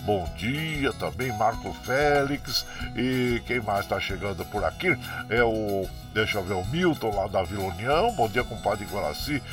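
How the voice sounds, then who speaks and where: A man's voice: on the low side, animated, measured pace, hardly any pauses, over music. A Brazilian man with a caipira country accent hosting a casual radio show, chatting in a folksy way as he greets listeners. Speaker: radio host.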